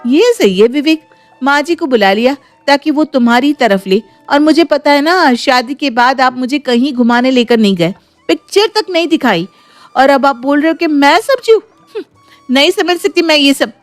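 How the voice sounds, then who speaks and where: Female VO: suspicious young daughter-in-law, argumentative, slightly high, dry. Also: animated, normal speed, no room sound, soft background music. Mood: arguing. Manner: sarcastic, argumentative. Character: young bride, sharp-tongued and suspicious.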